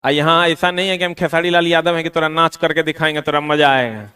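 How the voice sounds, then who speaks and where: A man's voice: fairly high pitch, steady tone, fairly quick, pushed and bright, clean tone. A man teaching an exam-coaching class in a classroom, teasing and scolding his students in slangy talk. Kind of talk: classroom lecture. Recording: voice from a distance.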